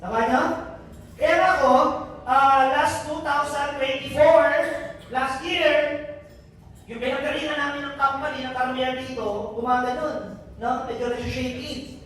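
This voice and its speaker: A man's voice: very high-pitched, steady tone, moderate pace, a bit bright, distant mic, a little hiss or hum. A man from Albay, Philippines, giving a motivational closing speech to a live audience as a business mentor, joking and teasing and often asking the crowd questions. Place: event venue hall, indoors. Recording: very echoey event hall, picked up from afar.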